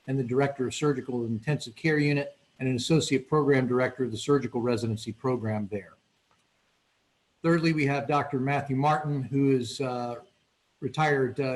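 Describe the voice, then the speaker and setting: A man co-moderating a medical panel, introducing speakers in a formal, measured and somewhat halting way. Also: mid-range voice, low-quality recording.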